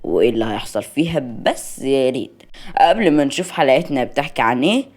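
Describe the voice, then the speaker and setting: A woman's voice: extremely low pitch, expressive, fast talker, a little mellow. A woman with an Egyptian accent narrating a novel on a story channel.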